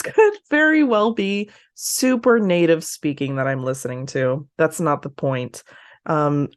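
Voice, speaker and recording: A woman's voice: on the low side, dry recording, clean studio sound. A woman who is a native English speaker, casually studying a language aloud, talking to herself and repeating syllables as she sounds them out. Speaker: language learner hosting a practice session.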